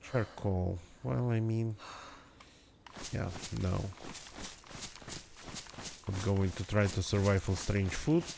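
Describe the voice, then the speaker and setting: Streaming a survival game, this man keeps up loose, rambling commentary, often correcting himself. His lowish voice is slow and creaky with long pauses, a bit nasal and congested from a recent cold, set against background noise.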